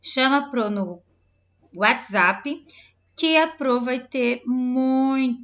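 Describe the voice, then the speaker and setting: A Brazilian woman teacher giving a recorded lesson to young pupils, drawing out each word slowly as she dictates. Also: sits high, a bit bright, highs cut off. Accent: Brazilian Portuguese. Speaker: primary school teacher. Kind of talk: recorded remote lesson for children.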